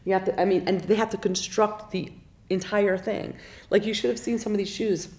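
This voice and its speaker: A woman co-hosting a live talk show, chatting about TV in an animated, blunt way, with her voice going hoarse. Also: mid-range voice, a little fast. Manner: animated, gushing, blunt opinions. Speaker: co-host. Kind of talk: casual chat about TV shows. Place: studio.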